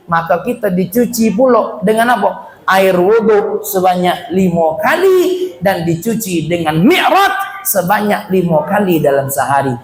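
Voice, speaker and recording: A male preacher giving a lively sermon to a congregation, with a South Sumatran Malay accent, animated and acting out voices. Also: high voice. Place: hall with audience. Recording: echoey hall.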